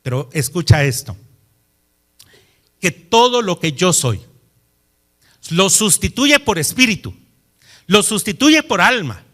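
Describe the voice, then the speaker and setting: High, bright-voiced preacher. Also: male voice, slow, pauses often. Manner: animated storytelling, emphatic. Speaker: pastor. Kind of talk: sermon.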